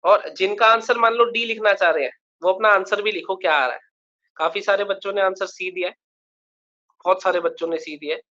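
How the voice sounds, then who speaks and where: A man's voice: high voice, brisk, sharp tone, muffled recording. A male math teacher giving a live online lecture, explaining a problem step by step and often checking that students follow.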